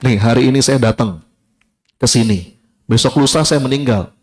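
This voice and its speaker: A man giving a casual sermon to a live audience, lively, acting out voices in his story and repeating key phrases. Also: medium pitch, moderate pace, slightly rough. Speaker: preacher.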